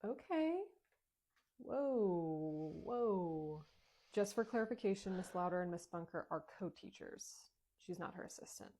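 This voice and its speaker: A woman's voice: fairly low pitch, lively intonation, a little slow, dark tone. A woman playing a fawning principal who gushes in a chummy way. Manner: gushing, chummy.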